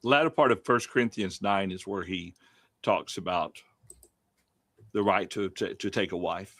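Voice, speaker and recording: A man's voice: sits low, normal speed, a bit bright, no echo. A man hosting a casual online Bible study discussion over a video call, rambling with many fillers. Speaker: host running the online study.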